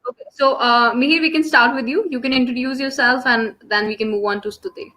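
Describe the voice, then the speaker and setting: A young woman with an Indian English accent hosts and presents a live online webinar for students, heard through an online call microphone. Her voice is fairly high and sharp, with fairly even intonation and a slightly fast pace.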